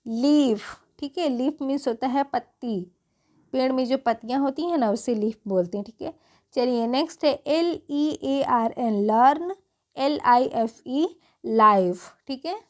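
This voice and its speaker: A high-pitched woman with a Hindi accent gives a beginner's phonics lesson. She speaks slowly, spelling out each word one letter at a time. Then she poses a question and answers it herself. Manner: spells words letter by letter, asks and answers her own questions. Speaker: English teacher.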